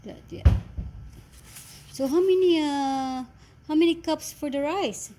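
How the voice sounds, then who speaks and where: A woman chatting casually in a home kitchen as vlog host, asking many questions in halting English. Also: high voice, mellow. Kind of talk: casual cooking chat. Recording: noisy kitchen with sizzling.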